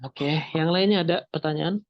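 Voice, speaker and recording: Gravelly man teaching grammar online. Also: a little high, normal speed, no room sound, muffled recording. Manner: explains step by step, asks and answers his own questions. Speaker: Islamic teacher. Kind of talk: online Arabic grammar class.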